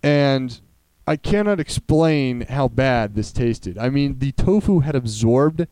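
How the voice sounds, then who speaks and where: A man's voice: mid-range voice, animated, slow pace, mellow, no echo. A young man telling a rambling, crude, joking story in casual chat.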